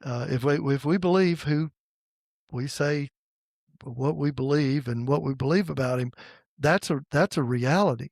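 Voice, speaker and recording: A man in his sixties from the United States, hosting a podcast in a casual faith conversation and pausing often with fillers and restarts. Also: on the high side, vocal fry, darkish tone, no echo, clean studio sound. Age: 60s. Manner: halting, with many fillers and restarts. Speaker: podcast host.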